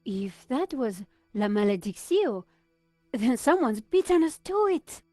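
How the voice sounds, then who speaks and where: An actress playing a sharp, teasing investigator in a video game. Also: female voice, on the high side, big pitch swings, a little slow, no room sound, clean studio sound, soft background music. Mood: dry, teasing. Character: Nico, sharp, teasing French investigator, young woman.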